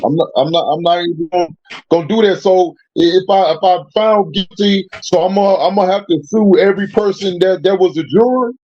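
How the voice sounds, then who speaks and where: A man arguing his own case as a defendant, halting and repetitive in unrehearsed courtroom speech. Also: sits high, a little mellow. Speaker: self-represented defendant in court. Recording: dull lo-fi hearing audio.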